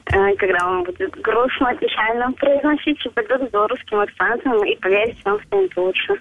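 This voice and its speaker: A woman's voice: on the high side, lively intonation, brisk, gravelly. A young woman with a Belarusian accent, chatting casually and playfully as a phone guest on a radio show. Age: young adult. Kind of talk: casual chat. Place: on a phone call. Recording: thin narrowband telephone line.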